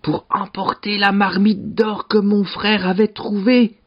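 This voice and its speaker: A simple-minded young peasant brother chatters on in a raised, sing-song voice that is eager and naive, as a man reading a storybook plays him. The voice is a little husky, and the recording sounds dull and lo-fi. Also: a little high, big pitch swings, unhurried, voice pushed up, heavily acted. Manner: naive and eager, blurts things out.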